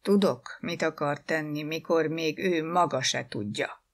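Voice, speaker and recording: Hushed, low, dread-filled servant woman, voiced by a woman narrator. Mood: fearful. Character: frightened grown woman servant, hushed, fatalistic.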